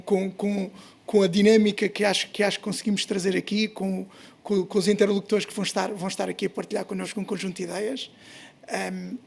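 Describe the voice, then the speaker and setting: A man's voice: high-pitched, creaky. A man with a European Portuguese accent gives a hesitant, semi-spontaneous welcome speech as event host, often repeating words. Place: office event space.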